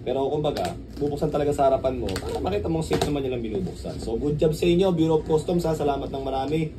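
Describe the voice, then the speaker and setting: A man with a Filipino accent rambles casually through an unboxing vlog, repeatedly tossing in tag questions as if seeking agreement. His voice is a little high, expressive, and racing. The audio is clearly noisy, with a distant microphone.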